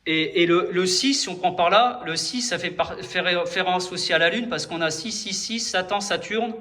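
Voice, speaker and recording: Man, high-pitched, hesitant, restarts often, talks straight to viewers, explains while writing. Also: moderate pace, sharp tone. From France. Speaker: video host explaining number codes. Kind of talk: rambling explanatory monologue.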